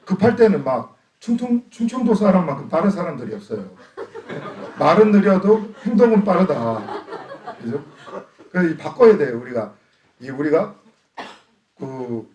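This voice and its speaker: A man's voice: a little high, a little mellow. A middle-aged man from Chungcheong, preaching to his congregation in a joking way, laughing often and asking them questions. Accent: Chungcheong Korean. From Chungcheong, Korea. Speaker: pastor. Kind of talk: sermon. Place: church hall. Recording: echoey church hall, distant mic.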